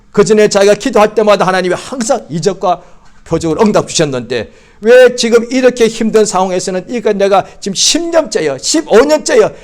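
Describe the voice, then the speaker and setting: A male pastor preaches in church, his voice sitting a little high and swinging widely in pitch. He acts out psalm prayers with growing fervor and now and then shouts. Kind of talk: sermon.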